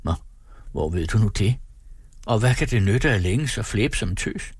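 A man voicing a blunt young older brother who talks in a brusque, matter-of-fact way, with a husky tone. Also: on the low side, expressive, no room sound, clean studio sound.

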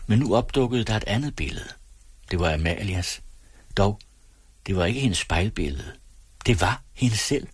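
Man reading a story out loud, deep and husky, dry close sound. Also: lively intonation, long pauses, no echo. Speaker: audiobook narrator. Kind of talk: scripted narration.

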